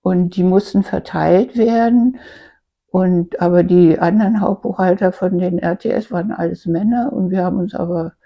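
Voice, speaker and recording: Gravelly elderly woman, halting storyteller. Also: on the low side. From East Germany. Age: 80s. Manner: halting, searching for words. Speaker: grandmother recounting her life. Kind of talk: casual personal reminiscence. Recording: dull lo-fi home recording.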